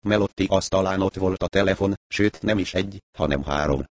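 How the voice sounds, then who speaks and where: Male audiobook narrator, very deep, wry and dry delivery, close, dry recording. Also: no room sound. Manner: dry, wry, even storytelling. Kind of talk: first-person novel narration.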